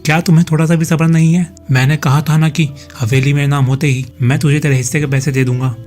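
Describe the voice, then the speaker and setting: A man's voice: fairly high pitch, little pitch movement, fast, a little mellow, faint music behind, natural voice. A man doing a greedy, jittery young schemer. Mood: impatient. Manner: impatient, then panicked stammering.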